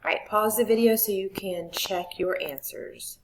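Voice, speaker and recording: A woman teacher giving clear, patient instructions in a recorded spelling lesson for young students. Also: medium pitch, moderate pace, a little hiss or hum, low-quality recording.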